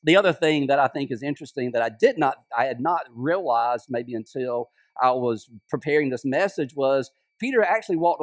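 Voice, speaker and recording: A man preaching a conversational sermon as pastor, dropping softly on quoted words. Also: a little high, dry recording. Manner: conversational preaching with restarts and drops to a soft voice on quotes. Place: church sanctuary.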